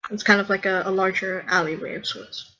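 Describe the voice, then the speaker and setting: A woman narrating as game master of a tabletop game, halting with many fillers and acting out short lines for the guards. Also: medium pitch, steady tone, bright, forceful tone, highs cut off.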